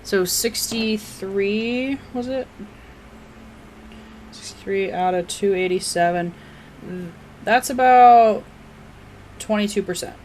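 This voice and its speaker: A woman's voice: medium pitch, takes it slowly, long pauses, darkish tone, slight background noise. A woman co-hosting a podcast in casual chat, blunt and swearing freely. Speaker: podcast co-host.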